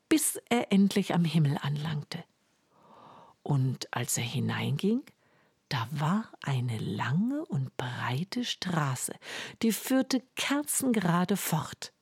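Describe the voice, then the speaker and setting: Brief: woman storyteller, fairy tale, slow, low, soft half-whisper. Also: breathy edge, dry recording, studio quality. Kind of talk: fairy-tale narration to children.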